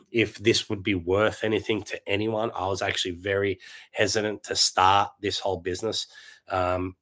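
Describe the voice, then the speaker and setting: A man in his late thirties, going hoarse as he chats casually to camera, rambling and repeating himself. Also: low-pitched, bright, forceful tone. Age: late 30s. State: losing his voice. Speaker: property vlogger.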